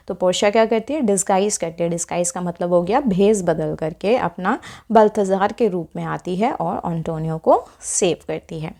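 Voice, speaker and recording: A woman teacher explaining a textbook lesson, defining each term step by step and reading English lines slowly and deliberately. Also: fairly low pitch, vocal fry, darkish tone. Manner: explains terms step by step, checks with frequent "okay" asides.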